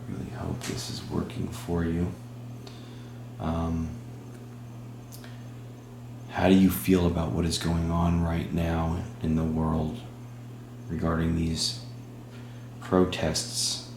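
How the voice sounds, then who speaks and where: A man hosting a spirit box session, speaking in halting short phrases and putting questions to a spirit. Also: low voice, vocal fry, a little mellow. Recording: roomy echo with humming background noise.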